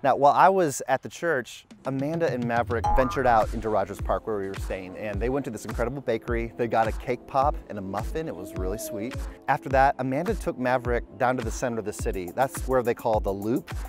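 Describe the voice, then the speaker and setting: Speaking quickly at a medium pitch with hardly any pauses, this thirty-something vlog host narrates his family's day in a park. He comes across as upbeat and earnest, and music runs underneath his voice.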